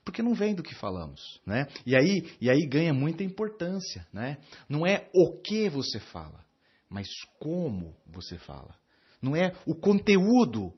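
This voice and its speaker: Husky-voiced Brazilian man preaching. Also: a little high, huge pitch swings, normal speed, muffled recording. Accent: Brazilian Portuguese. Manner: teaching with many fillers and tag questions. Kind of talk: sermon.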